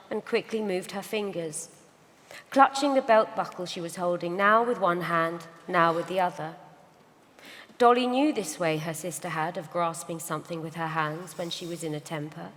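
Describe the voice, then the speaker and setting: A woman's voice: lowish voice, moderate pace, a bit bright. Woman narrating a novel in a hall. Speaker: reader. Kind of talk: literary reading narration. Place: large event hall on stage. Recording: hall reverb.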